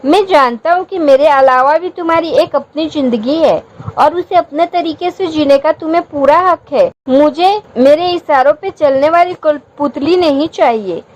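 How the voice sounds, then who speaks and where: A woman's voice: sits high, normal speed, darkish tone, close to an everyday voice. A woman voicing a young husband who teases his wife affectionately in a storybook reading. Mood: teasing. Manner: playful, teasing.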